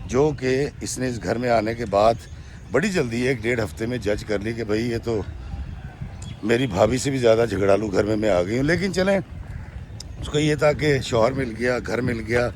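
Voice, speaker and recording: A man's voice: mid-range voice, a little mellow, a little hiss or hum. A man narrating a true-life story in a conversational, emphatic way.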